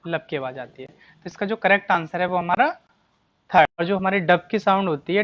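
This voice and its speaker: A biology teacher explaining exam answers with a mid-range voice, neither high nor low. The teacher keeps throwing out rhetorical questions and answering them, stressing key terms again and again. The sound is dull and slightly muffled. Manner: reads English questions slowly, explains in Hindi.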